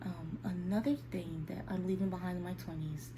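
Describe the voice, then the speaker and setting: A vlogger who is 29, almost 30, sits down to talk directly to her viewers in a candid, confiding, conversational way. Her voice is fairly low with fairly even intonation at a normal speed, and the background is noisy.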